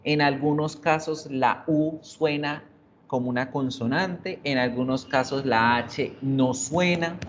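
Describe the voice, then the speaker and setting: Patient teacher, slow, dull lo-fi call audio. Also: female voice, rumbling low, slight background noise. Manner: explains patiently, mixing Spanish and English, checks in with "right?" and "¿sí?". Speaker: English teacher. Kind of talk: online class lecture. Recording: dull lo-fi online class audio.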